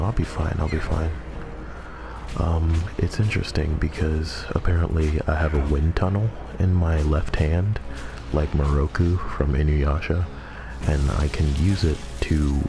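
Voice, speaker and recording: A man commentating on a video game in a hushed golf-commentator style, deadpan, joking and profane, with a gravelly voice. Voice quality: very deep, gravelly. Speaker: gamer commentating over play. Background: game music.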